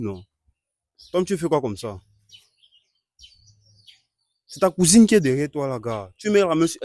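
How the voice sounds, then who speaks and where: A man hosting a staged street-interview skit, questioning a couple and repeatedly urging an angry guest to calm down. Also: mid-range voice, dry recording, studio quality. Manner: keeps urging calm, repeats calming phrases.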